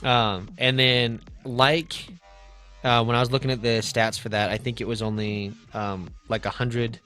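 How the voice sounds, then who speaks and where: A young man in his late twenties hosts a laid-back livestream podcast, talking in a loose, rambling way and greeting viewers by name. His voice has a crisp, bright edge, and faint music plays behind him. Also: medium pitch, flat delivery, a little slow. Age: 20s. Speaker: podcast host. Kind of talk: casual livestream chat.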